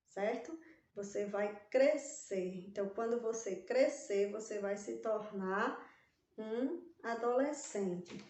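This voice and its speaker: A woman's voice: on the high side, mellow, roomy sound. A Brazilian woman teaching young children in a recorded lesson, drawing out syllables with a sing-song stress on key words. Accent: Brazilian Portuguese. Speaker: primary school teacher.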